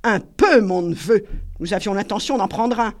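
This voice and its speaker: A man's voice: sits high, moderate pace, natural voice. A reader voicing a blunt, offhand grown man in a storybook reading.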